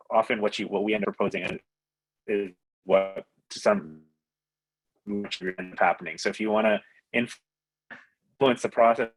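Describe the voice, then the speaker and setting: A man's voice: on the low side, poor audio. A man presenting slides on a video call, hesitant with many fillers, his audio breaking up and dropping out. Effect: choppy call audio breaking up with dropouts. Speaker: task force member presenting.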